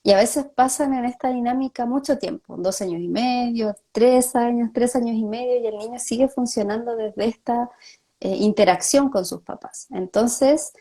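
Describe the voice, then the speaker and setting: Gravelly, mellow-voiced woman speech therapist. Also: fairly high pitch, normal speed. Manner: explanatory, acts out parents' words. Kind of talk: live-stream conversation.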